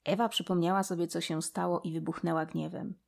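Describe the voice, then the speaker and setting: Female storyteller, slightly low voice, expressive read of a fable. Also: fairly quick, creaky. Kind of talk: storybook reading.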